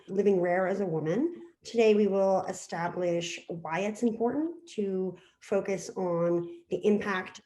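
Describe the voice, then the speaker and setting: A woman in her twenties from Virginia, facilitating a panel discussion in a measured, formal way. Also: mid-range voice, mellow, reverberant. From Virginia, USA. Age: 20s.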